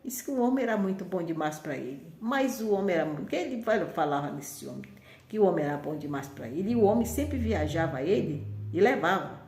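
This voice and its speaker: A woman's voice: on the low side, lively intonation, a little fast, a little mellow. A woman casually telling a folk tale in a rambling, conversational way. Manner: rambling, conversational with frequent restarts. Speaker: storyteller. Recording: roomy echo.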